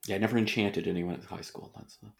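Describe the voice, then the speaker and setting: A man co-hosting a podcast in casual chat, often halting and rephrasing mid-sentence. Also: fairly low pitch, steady tone, vocal fry, slight background noise. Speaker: podcast co-host.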